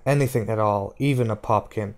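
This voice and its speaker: A man reading an audiobook and voicing a grave, hungry gunslinger who speaks quietly and slowly. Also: on the low side, close to an everyday voice. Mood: weary.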